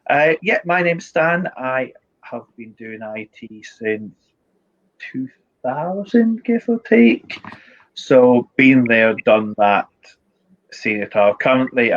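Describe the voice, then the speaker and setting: A man with a strong Scottish accent speaks at a medium pitch, explaining things in an informal, matter-of-fact way with dry wit. The sound is slightly dull, like a video call. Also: lively intonation, unhurried. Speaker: IT support director, guest. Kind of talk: informal explanatory talk with tips.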